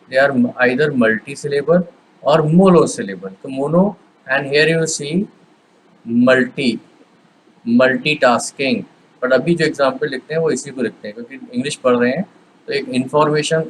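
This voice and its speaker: A man's voice: medium pitch, slight background noise, rough recording. A male teacher with an Indian accent, switching between Hindi and English as he explains grammar and repeats each word on the board. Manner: slow, repeats words while writing on a board. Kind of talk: classroom grammar lesson.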